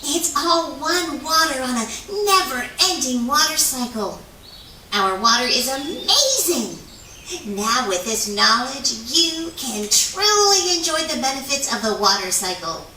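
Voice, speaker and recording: A woman's voice: high-pitched, very animated, unhurried, sharp tone, slight background noise, full character voice. A woman voicing a showy, wise male otter who teaches theatrically in a children's puppet show. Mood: grand, encouraging. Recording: echoey, distant microphone.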